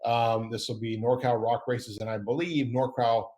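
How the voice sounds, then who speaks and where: A man's voice: mid-range voice, level tone, moderate pace, mellow. A middle-aged man hosting a casual podcast, rambling and upbeat, often correcting himself as he goes. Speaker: podcast host. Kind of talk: casual chat.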